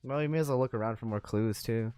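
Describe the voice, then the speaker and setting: A man's voice: medium pitch, fast talker, warm tone, clear, resonant tone, soft background music. A man casually bantering with a friend while watching a video game, joking, laughing often and rambling off on asides. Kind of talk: casual let's-play banter.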